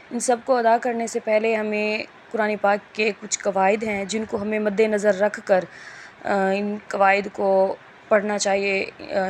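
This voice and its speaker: A woman's voice: medium pitch, slight background noise. Patient woman teaching letter sounds. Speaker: Quran reading teacher. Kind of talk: Urdu lesson lecture.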